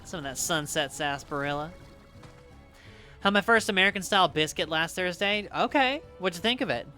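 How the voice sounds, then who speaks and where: With a fairly low pitch and lively intonation, a woman streams a game live at a brisk pace in a bright, forceful tone, faint music in the background. She has a slight Southern US accent and chats with her viewers, rambling, swearing freely and laughing easily.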